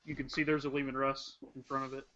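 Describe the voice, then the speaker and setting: A man talking loudly in a sharp, forceful voice, chatting casually as a panelist on a hobby webcast. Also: mid-range voice, little pitch movement, fast. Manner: loud talker. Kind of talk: casual hobby chat about tabletop wargaming. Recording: dull, noisy webcast audio with clicks.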